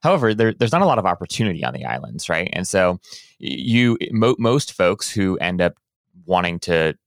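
A man in his thirties from Hawaii, a guest chatting casually and relaxed, talking from a small closet home studio. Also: deep voice, normal speed, vocal fry, no room sound. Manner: relaxed, chatty, many fillers and restarts. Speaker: guest, business owner. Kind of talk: casual conversational interview.

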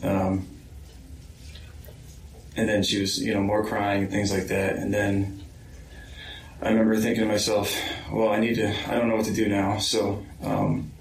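A man with a low, flat voice speaks slowly in an interview, stopping often with ums as he recounts events. He sits some way from the mic in an echoey room, with a faint hum of room noise underneath. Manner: hesitant, slow, many ums. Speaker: interviewee, victim's son. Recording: roomy far-off interview mic.

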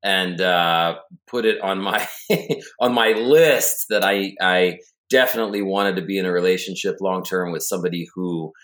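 A man's voice: low voice, moderate pace, a bit bright. A man speaking as a podcast guest, rambling with many restarts.

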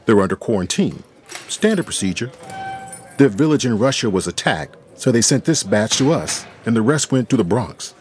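An actor playing a plain-spoken, courteous police captain in a period drama, with a folksy, stolid manner. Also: male voice, on the low side, very animated, normal speed, a little hiss or hum. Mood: matter-of-fact, regretful.

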